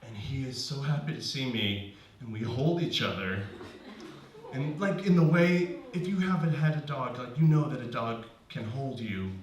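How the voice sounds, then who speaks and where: A man's voice: medium pitch, animated, moderate pace, dull audio. A man telling a personal story live on stage, talking in a loose conversational way full of restarts and "like.". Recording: very echoey room, distant mic, faint hiss.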